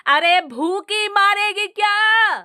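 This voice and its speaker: A woman voicing a demanding older mother-in-law who shouts and scolds in slow, drawn-out words. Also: very high-pitched, no echo, studio quality, pitched above the performer's own voice, full character voice. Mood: scolding.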